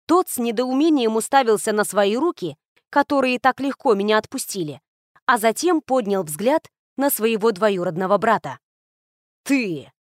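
A woman reads a first-person fantasy novel aloud. Her voice sits slightly high and moves at a steady storytelling pace. The sound is dry and close, with no room echo. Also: normal speed. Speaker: audiobook narrator. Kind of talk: scripted first-person narration.

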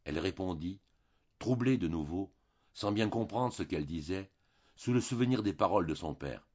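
A man reading a classic novel aloud as an audiobook narrator, in a slow, measured way. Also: sits low, lively intonation, darkish tone, breathy edge, lo-fi sound. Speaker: audiobook reader.

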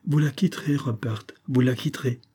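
A tender, grieving mother in a storybook reading, voiced by a man. She speaks softly with sighs, in a husky, mellow tone. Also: mid-range voice, a little fast, voice pushed up, lightly acted.

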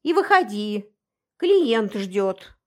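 A woman's voice: medium pitch, very animated, extremely slow. A woman doing a teasing young witch hunter. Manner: mocking, playful drawl.

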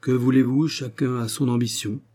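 A man voicing a suave, cocky gentleman burglar in an audiobook, brisk and commanding, with a mocking edge. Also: medium pitch, fairly even intonation, breathy edge, natural voice. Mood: smug genial. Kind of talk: audiobook character voice.

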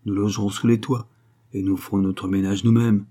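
A moody, self-absorbed young poet in a storybook reading, voiced by a man in a low, husky tone. He talks glibly, with a forced cheerfulness, his voice dark and mellow. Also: level tone, fairly quick, natural voice. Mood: forced cheer. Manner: glib, falsely cheerful. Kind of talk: audiobook character reading.

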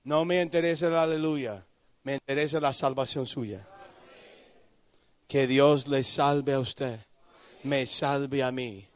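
A man preaching a sermon at a youth conference, asking listeners questions by name and swinging from quiet low warnings to high shouted pleas. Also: steady tone, slow, pauses often. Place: conference hall.

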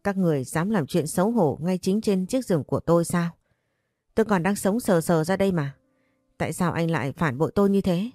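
A woman's voice: fairly low pitch, animated, brisk, darkish tone, dry recording, studio quality, soft background music. A woman voicing a betrayed young wife in an audio story, speaking in anguish. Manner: anguished, pleading.

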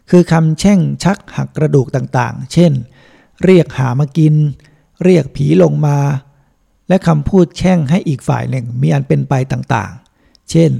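A man, a monk, reading a book aloud in a calm, measured way. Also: a little high, gravelly, slightly rough. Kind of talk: audiobook reading.

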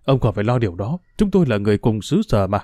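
A man's voice: on the low side, very animated, rapid-fire, warm tone, no echo, studio quality, pitched below the performer's own voice. A man voicing a loyal, plain-spoken old boatman in an audiobook. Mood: grave.

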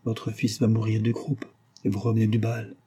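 A grave, stern husband gives curt commands in a dark, husky voice, played by a man reading the novel. His manner is cold and firm. He belongs to a storybook. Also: on the low side, completely flat delivery, normal speed.

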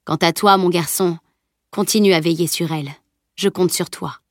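A woman reading the part of a grave older male leader in an audiobook, slow and solemn. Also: fairly low pitch, steady tone, dry recording, clean studio sound, natural voice.

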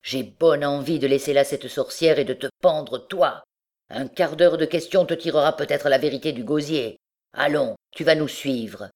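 A woman reading an audiobook, voicing a sinister male provost who interrogates gruffly. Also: low-pitched, animated, normal speed, darkish tone. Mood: menacing.

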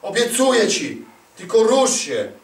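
A man preaches a charismatic sermon in a large church conference hall, his high, sing-song voice unhurried and emphatic. He repeats lines and calls on the crowd to answer. The recording is echoey, with his voice far from the mic.

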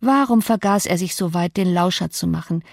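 A woman's voice: on the low side, brisk, vocal fry, no echo, clean studio sound. A woman voicing a proud, volatile young woman who speaks in a cutting, imperious way in an audiobook. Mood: agitated. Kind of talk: audiobook character reading.

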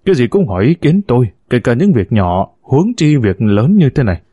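A man voicing a calm, stern older uncle who works as a judge. He speaks in a firm, measured way in a spoken story. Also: medium pitch, no echo, studio quality.

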